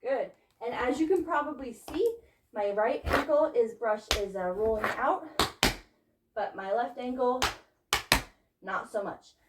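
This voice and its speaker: A woman's voice: a little high, measured pace, pauses often. A woman teaching a tap dance step, encouraging her students and counting beats aloud, a bit out of breath from dancing. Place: dance studio. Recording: echoey studio with loud background noise. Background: tap shoe clicks.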